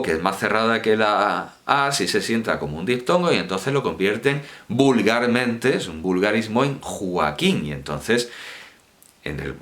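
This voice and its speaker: A man with a Spanish accent giving a spoken grammar lecture, emphatic and lively, sounding out vowels aloud to demonstrate them. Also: fairly low pitch. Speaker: university lecturer.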